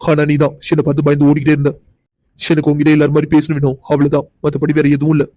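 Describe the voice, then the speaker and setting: A man's voice: a little high, monotone, racing, mellow, no echo, natural voice, poor audio. A man voicing an insistent, doting young man in a cartoon, coaxing and pressing for answers. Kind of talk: cartoon voice acting.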